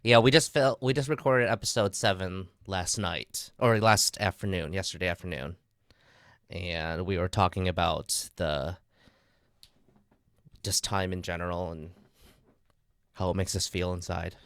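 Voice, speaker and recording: Very deep smooth guy cohosting a podcast, eager, dry close mic. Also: a little slow, long pauses, fairly bright tone, no echo. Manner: upbeat, eager interviewer. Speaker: podcast co-host. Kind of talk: casual live-stream chat.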